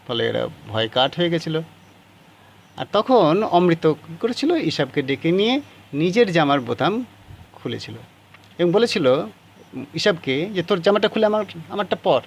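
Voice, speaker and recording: A man teaching a class, reading passages of a story aloud and explaining how to write the answers. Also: on the high side.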